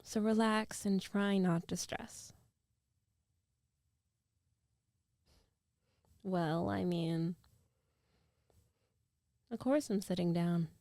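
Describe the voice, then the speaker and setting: In a close-mic ASMR roleplay, a woman takes the part of a concerned young ex-girlfriend who likes to tease, talking softly with hesitant pauses. Her voice sits on the low side in a dry recording, and she comes across as apologetic and worried.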